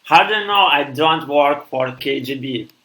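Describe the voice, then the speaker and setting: A young man in his twenties from Russia with a Russian accent, thinking aloud haltingly as he codes on a live stream and answers chat. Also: a little high, bright, forceful tone, echoey room, low-quality recording. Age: 20s. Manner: halting, thinks aloud with many pauses and restarts.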